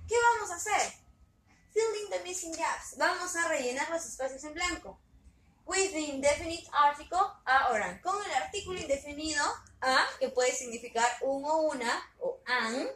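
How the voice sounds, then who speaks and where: In an echoey, roomy space with faint background noise, a high-voiced and very lively woman teaches young children a bilingual lesson. She speaks slowly and patiently, asks questions and repeats every word.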